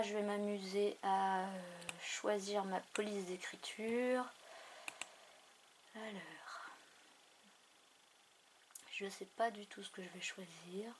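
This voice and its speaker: A woman hosting a craft tutorial, thinking aloud in an unhurried way with many fillers as she works on a computer. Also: mid-range voice, noisy background. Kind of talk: casual screen tutorial narration. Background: mouse clicks.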